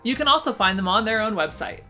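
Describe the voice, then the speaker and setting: A woman's voice: mid-range voice, animated, fast talker, bright, forceful tone. A woman with a lisp that makes her s slushy, enthusiastically presenting a scripted roundup list. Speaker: presenter of a vintage shop roundup. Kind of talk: upbeat scripted list narration to camera. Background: background music.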